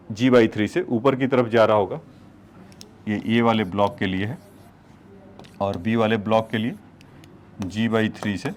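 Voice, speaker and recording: In this whiteboard lecture, a man teaching physics solves problems step by step and refers to his students as children. He has a lowish, slightly mellow voice, with a bit of background noise behind him.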